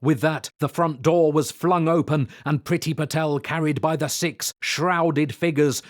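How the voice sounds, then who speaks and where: A man reading scripted comic narration in a deadpan, pun-heavy delivery. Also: fairly high pitch. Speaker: satirical narrator.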